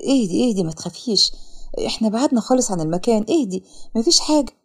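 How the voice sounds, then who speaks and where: Storybook hero: woman voicing a calm, gentle Egyptian young man, warm-toned and reassuring. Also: medium pitch, racing, slightly rough. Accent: Egyptian Arabic. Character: kind, calm wealthy young man who rescues her. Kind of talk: storybook narration with voices.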